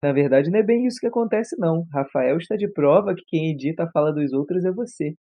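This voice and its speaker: A man's voice: on the high side, lively intonation, fast, warm tone. A man co-hosting a podcast who teases his partner in casual banter. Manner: teasing. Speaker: podcast co-host.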